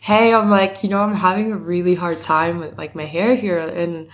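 A woman's voice: fairly low pitch, fairly even intonation, normal speed. Chatty young woman, lots of likes. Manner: chatty, heavy use of "like" fillers. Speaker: guest, company co-founder. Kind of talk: casual interview chat.

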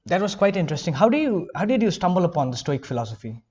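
A man's voice: sits high, big pitch swings, rapid-fire, darkish tone, husky, highs cut off. A male interviewer asking questions in a supportive, affirming way. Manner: supportive, frequent short affirmations. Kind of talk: casual interview.

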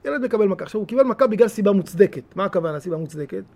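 Middle-aged male rabbi, very high voice, animated sermon delivery with pleading peaks. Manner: animated, rising to pleading cries then dropping to soft asides. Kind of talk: weekly Torah talk.

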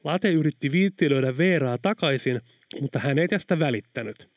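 A man reads an audiobook in a steady, measured narration. His voice sits a little high for a man. The studio recording is dry and close. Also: dry recording. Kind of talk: scripted narration.

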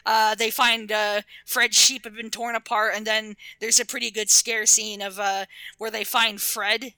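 Bright, bubbly woman gushing about films. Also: on the high side, little pitch movement, unhurried, smooth, no echo, low-quality recording. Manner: enthusiastic, gushing, swears casually. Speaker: podcast co-host. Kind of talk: casual movie discussion.

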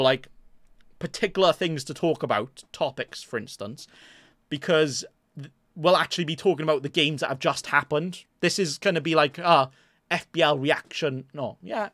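A man's voice: a little high, a bit bright, dry recording. A young man hosting his own podcast, rambling in casual chat and joking at his own expense with many restarts. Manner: self-mocking, jokey, rambling with restarts. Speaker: podcast host. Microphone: desk mic in front of a green screen.

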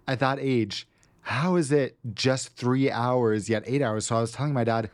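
A man co-hosting a podcast in casual chat, laughing often as he tells lively anecdotes. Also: mid-range voice, normal speed, dry recording. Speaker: podcast co-host.

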